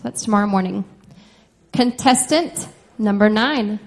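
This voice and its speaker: Female event announcer, medium pitch. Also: a little slow.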